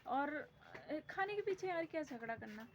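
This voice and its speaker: A high-pitched woman talks through a long family grievance, rambling and aggrieved. Her voice runs over a steady din of shop and street noise in a small store. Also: normal speed. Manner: chatty, rambling, aggrieved retelling of a family quarrel. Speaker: vlogger. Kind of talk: casual storytelling vlog. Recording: noisy background from a busy shop.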